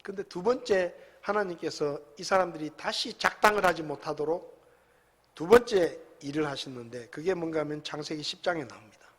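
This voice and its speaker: A man preaching a sermon as pastor in a church sanctuary, talking conversationally, with big swings between loud and soft. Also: on the high side, brisk. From South Korea. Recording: long hall reverb.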